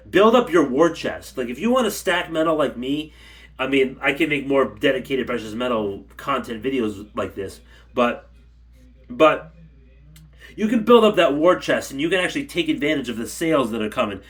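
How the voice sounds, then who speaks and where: At home, a man with a medium-pitched, fairly bright voice rants casually into his camera mic, rambling, blunt and repeating himself. He sounds a little stuffy from allergies.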